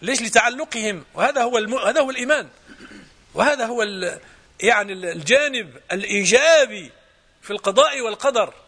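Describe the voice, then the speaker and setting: Teaching a lesson of Quran exegesis, this Moroccan-accented man speaks in a very high-pitched, animated and sharp voice. He works through his explanation point by point, repeats phrases, and shifts into slow, measured recitation whenever he quotes a verse.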